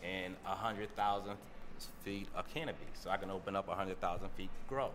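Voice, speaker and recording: A man's voice: deep voice, fairly even intonation, fairly quick, noisy background. A man from Roxbury, Boston, as an interview guest, talking loosely with many restarts and fillers. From Roxbury, Boston, USA. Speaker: guest, entrepreneur. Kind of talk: casual interview chat.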